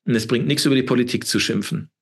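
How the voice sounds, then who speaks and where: A man in his fifties gives impassioned talk as an interview guest in a fast, husky, mid-range voice. He is emphatic and preachy, often repeating words and finishing with a questioning tag.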